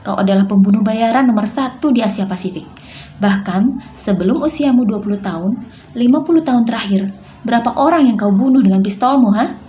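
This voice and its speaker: A woman's voice: on the high side, brisk, dull audio, a little hiss or hum, natural voice. A woman reading aloud as a young man who is lost and argumentative, her voice raised and pleading. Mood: arguing. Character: confused, defiant young man.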